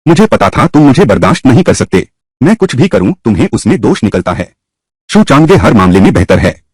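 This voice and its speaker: A defiant young son full of grievance, voiced by a man. He speaks with a lively, swinging pitch and a slightly husky edge. The sound is dry and close in this dubbed drama. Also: a little fast, no room sound. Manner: bitter, defiant complaining. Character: young man, resentful rebellious returned son.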